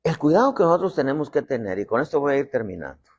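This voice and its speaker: A man's voice: medium pitch, sing-song, fast, darkish tone, breathy edge, dull audio. A middle-aged man preaching a sermon in a folksy way, joking and having the congregation repeat phrases. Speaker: apostle preaching.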